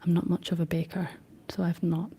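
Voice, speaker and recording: Hosting an ASMR livestream in a whisper, a young woman with a Scottish accent calmly talks her way through viewer comments. Her voice is deep, slightly rough and level in tone, with a slight frog in her throat.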